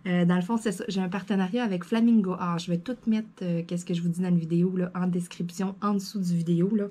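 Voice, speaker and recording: A woman's voice: fairly low pitch, fairly even intonation, fast, mellow. A woman with a Québécois French accent chatting to camera from her home desk, playful and rambling, with lots of fillers and laughs. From Quebec. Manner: often laughs and talks to her cat. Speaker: crafting vlogger. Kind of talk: casual chat to camera.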